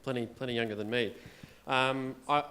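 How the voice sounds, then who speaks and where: A man's voice: mid-range voice, steady tone, normal speed, bright, forceful tone, low-quality recording. Hesitant young man in the audience. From Western Australia. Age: 20s. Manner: hesitant, with many fillers. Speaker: audience member asking a question.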